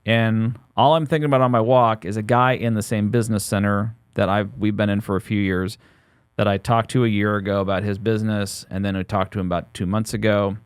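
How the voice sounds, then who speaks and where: A man in his forties talks through a casual podcast chat in a rambling, jokey way, often restarting his sentences. His voice sits somewhat low, and the recording is dry and close with no room sound. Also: fairly even intonation, a little fast, clean tone, no echo. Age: 40s. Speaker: podcast co-host.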